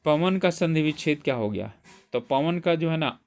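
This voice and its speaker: A man's voice: a little high, expressive, normal speed, darkish tone, faint music behind. A man teaching for an exam, who explains step by step and asks and answers his own questions. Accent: Hindi. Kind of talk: exam prep lecture.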